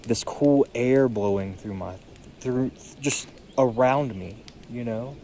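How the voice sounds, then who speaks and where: A tired young man musing aloud in a solo vlog, seated outdoors by a creek, filling his pauses with "you know". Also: mid-range voice, warm tone, slight background noise. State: tired, yawning. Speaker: podcast vlogger. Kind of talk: reflective solo monologue. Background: faint creek water and birdsong.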